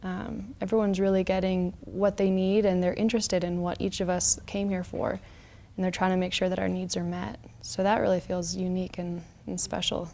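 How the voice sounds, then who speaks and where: A woman student chats about her classes in a testimonial interview, using plenty of fillers. Her slightly low voice stays level. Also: little pitch movement, moderate pace, vocal fry, mellow. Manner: chatty with fillers. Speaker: massage student.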